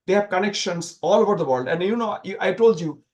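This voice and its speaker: A man being interviewed, talking in an animated, sarcastic way with many restarts and repeated words. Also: high voice, fast. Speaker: guest commentator.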